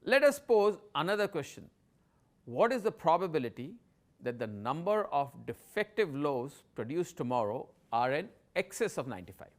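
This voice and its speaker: Male instructor, slightly high voice, measured lecture delivery, dictates in short, separated phrases. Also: very animated. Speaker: statistics lecturer.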